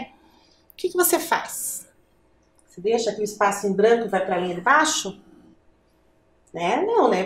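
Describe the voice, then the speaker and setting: A woman's voice: a little high, roomy sound. A woman teacher with a Brazilian Portuguese accent, giving a patient lesson to children and asking the viewer questions.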